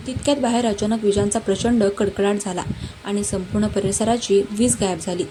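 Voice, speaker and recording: A woman narrating a romance story in a dramatic, even-paced reading. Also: medium pitch, fairly quick. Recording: noisy background hiss.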